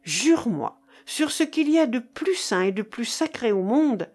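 A woman's voice: a little high, big pitch swings, unhurried, darkish tone. A woman reading the lines of an impulsive, agitated young man, urgent and exclaiming, in an audiobook. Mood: solemn.

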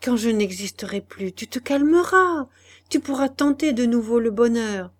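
A woman's voice: a little high, animated, moderate pace, voice pushed up. A woman voicing a desperate young wife in an audiobook, reading her lines with strong emotion, pleading and harsh by turns.

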